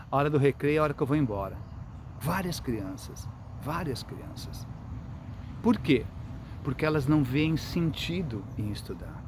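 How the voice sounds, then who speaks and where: A man with a Brazilian Portuguese accent talks straight to his viewers in a long monologue about raising children. His voice sits a little high for a man, and he drives each point home by asking whether you are following. Faint background noise runs under him. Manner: emphatic, keeps asking the listener if they understand. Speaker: spiritual speaker on parenting.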